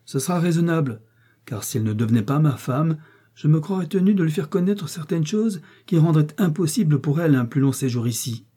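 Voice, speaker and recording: A man reading an audiobook, voicing a domineering, coldly ironic prince with a dark, husky voice. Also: fairly high pitch, animated, brisk, voice pushed up. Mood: cold, commanding. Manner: commanding, cutting and sarcastic.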